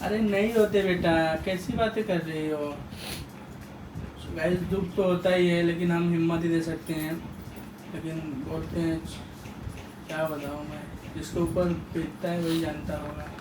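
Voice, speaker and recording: A man filming a casual family vlog at home on his phone, consoling his family and talking gently to his small child. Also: fairly high pitch, level tone, a little slow, noisy background. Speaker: vlogger, father. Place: home, indoors. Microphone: handheld phone.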